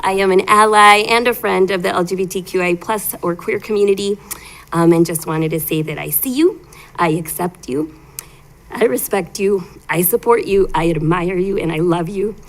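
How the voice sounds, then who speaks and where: A woman's voice: on the low side, normal speed, poor audio. A woman on a school board sharing proud, upbeat remarks at a meeting, chatty with fillers.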